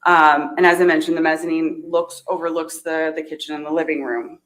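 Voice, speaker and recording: A woman with a low voice testifies as a witness, captured on a courtroom recording that is replayed. She talks through the events step by step, pausing on "um" and restarting her sentences. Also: fairly even intonation, a bit bright, a little hiss or hum. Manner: hesitant retelling with fillers and restarts. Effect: courtroom recording played in a livestream. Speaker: trial witness. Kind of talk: sworn testimony.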